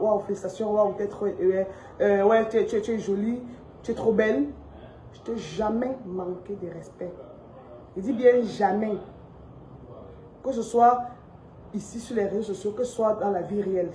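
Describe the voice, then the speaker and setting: A woman, raising her voice a little higher than most as she fires off a confrontational rant at her followers, hammering the same points again and again. Her tone stays mellow and warm even while she scolds. She films inside her shop on a phone, so the room rings with echo and a faint ambience hums behind her. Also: a little hiss or hum. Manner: emphatic, repetitive, confrontational, talks straight to her audience. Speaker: shop owner addressing followers. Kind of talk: heated social media rant.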